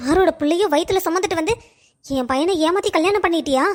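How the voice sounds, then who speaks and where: A woman's voice: extremely high pitch, fast talker, soft background music. A woman voicing a scornful middle-aged mother-in-law who taunts and accuses.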